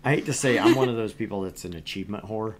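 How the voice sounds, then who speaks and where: In a lowish voice and at a fast clip, a man livestreams a game, joking around informally while he plays and reads the text.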